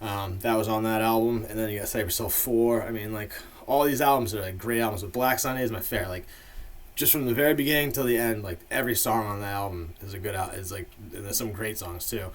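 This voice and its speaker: A man's voice: on the low side, fast talker. A man in a casual, rambling monologue full of fillers, giving his opinions as the host of a ranking video.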